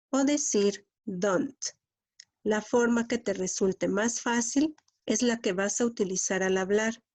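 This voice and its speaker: Woman, English teacher, patient lesson, repeats key words, slow delivery. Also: mid-range voice, darkish tone.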